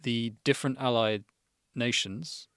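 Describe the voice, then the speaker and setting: A man co-hosting a podcast, telling a history story in an animated way and laughing often. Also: mid-range voice, measured pace, clear, resonant tone, no echo, studio quality. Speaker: podcast co-host. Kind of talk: casual history chat.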